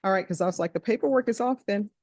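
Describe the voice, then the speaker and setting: A woman with a mid-pitched voice presides as a judge in formal courtroom style. She reads out legal admonishments and questions briskly and with authority. The sound is dry, with very little room echo. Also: a little mellow. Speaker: judge presiding over a plea hearing.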